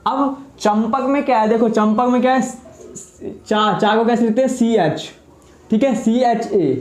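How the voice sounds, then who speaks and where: Echoey patient teacher quizzing himself. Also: male voice, very high-pitched, unhurried. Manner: keeps asking rhetorical questions and answering them himself; patient and repetitive, says each word twice. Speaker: English teacher. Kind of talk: explaining spelling rules in a lesson. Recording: echoey room.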